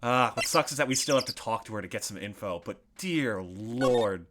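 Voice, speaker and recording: A man's voice: medium pitch, normal speed, background noise. Exasperated swearing male streamer. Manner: exasperated, profane, animated. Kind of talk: casual game commentary. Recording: game music playing behind.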